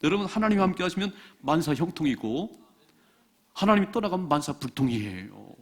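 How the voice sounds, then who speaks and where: A male pastor preaches at a church service with a slightly husky voice. His pitch rises and falls in a lively way, and he repeats key phrases with emphasis. When he reads scripture, he slows down and draws the words out. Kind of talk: sermon.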